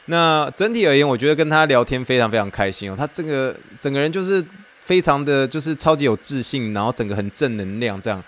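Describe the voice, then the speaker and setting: A man from Taiwan, hosting a podcast as a casual, animated monologue and laughing often. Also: medium pitch, fast talker. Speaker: podcast host.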